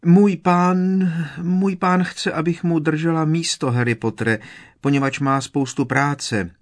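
A man voicing a tiny, servile female house-elf with a squeaky, trembling voice, reading a storybook. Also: fairly even intonation, lightly acted. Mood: anxious. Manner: fearful, deferential, keeps saying sir.

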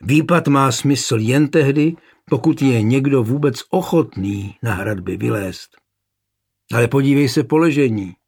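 A man voicing a gruff, rebellious soldier who grumbles defiantly, in a gravelly, husky voice. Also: medium pitch, darkish tone, voice pushed up. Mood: grumbling.

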